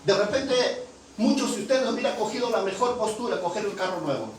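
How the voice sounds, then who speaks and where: A male pastor tells a story from the pulpit, slipping into each person's voice as the dialogue comes up. His voice sits somewhat high for a man. It carries from far off through a heavily echoing hall with a steady hum of noise. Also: fairly quick. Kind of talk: sermon. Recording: echoey hall from far off, noisy.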